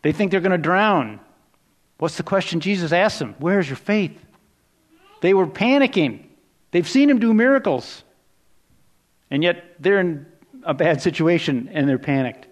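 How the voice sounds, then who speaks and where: Higher-pitched man preaching a sermon. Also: sing-song, normal speed. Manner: conversational, reflective preaching with soft dips for quoted words.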